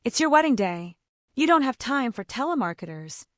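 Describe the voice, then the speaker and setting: A woman voicing a young bride with a smooth, sweet manner who hides something, in a story reading. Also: on the high side, very animated, moderate pace, a bit bright, dry recording, studio quality.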